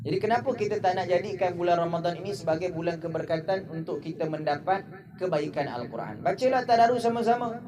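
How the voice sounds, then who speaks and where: Speaking quickly in a high voice with a crowd in the background, a Malaysian man preaches a funny Ramadan lecture at a mosque. He tells stories full of jokes and imitates the characters in them.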